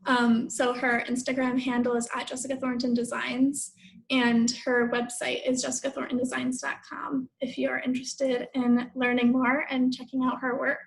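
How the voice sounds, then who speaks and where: A woman's voice: high-pitched, level tone, normal speed, gravelly, low-quality recording. A woman hosting an online webinar, introducing an absent artist and reading out her background. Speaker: webinar host. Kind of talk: introducing a speaker. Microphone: video call.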